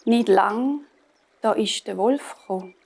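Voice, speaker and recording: Slow Swiss German storyteller woman. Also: mid-range voice, gravelly, darkish tone, slightly rough. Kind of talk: fairy tale reading.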